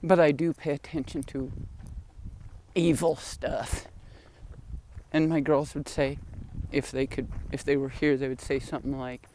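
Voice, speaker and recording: An older woman vlogger with a very deep, fairly even, slightly mellow voice walks home outdoors in the wind with groceries, speaking at a measured pace. She tells rambling, chatty stories about her family and pets, with laughs and sighing asides.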